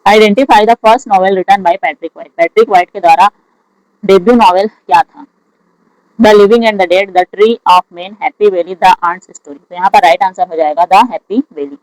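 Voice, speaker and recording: An exam prep teacher who reads each English question aloud slowly and then explains the answer in Hindi. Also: medium pitch, darkish tone, dry recording, poor audio. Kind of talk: lecture solving exam questions.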